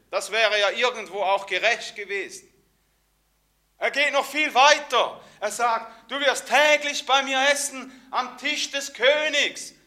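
High, bright-voiced storytelling preacher. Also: male voice. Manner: vivid storytelling, swings between hushed and emphatic. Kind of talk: sermon.

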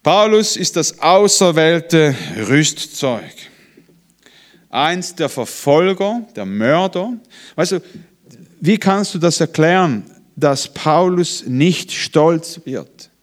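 Man preaching with dramatic swings. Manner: preaching with big swings from loud emphasis to hushed low tones. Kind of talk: sermon.

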